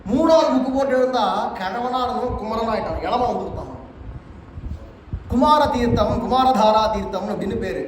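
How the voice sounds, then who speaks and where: A man giving a devotional religious discourse, telling stories and chanting verses in a drawn-out sing-song. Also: very high voice, expressive. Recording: echoey hall, distant mic, faint noise.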